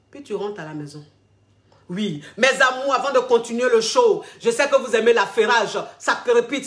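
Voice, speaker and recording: A woman hosting a vlog, giving casual, familiar relationship advice and repeating herself as she speaks to her listeners as darling. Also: on the high side. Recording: roomy echo.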